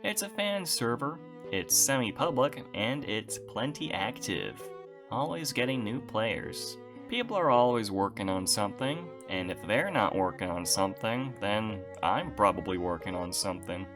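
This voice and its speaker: A man's voice: on the low side, animated, normal speed, music in the background. A young man giving a casual channel update to his viewers, wry and self-deprecating, with dry understatement.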